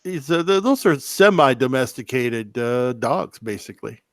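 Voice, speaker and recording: A man with a medium-pitched voice chats casually as a podcast panelist. He is halting and argumentative, often repeating his words. The recording is very dry. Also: lively intonation, a bit bright, no room sound. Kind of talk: casual chat.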